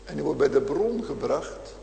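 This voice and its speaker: A man preaching a sermon as pastor, in a slow, swelling cadence with repeated phrases. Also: on the high side, expressive, creaky, mellow, a little hiss or hum. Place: large church hall. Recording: echoey church, long reverb.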